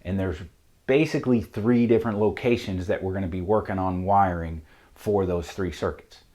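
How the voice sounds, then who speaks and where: Plain-spoken Southern man, low voice. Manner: methodical, plain-spoken, steady. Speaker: auto mechanic instructor. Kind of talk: technical how-to explanation. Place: shop with a whiteboard.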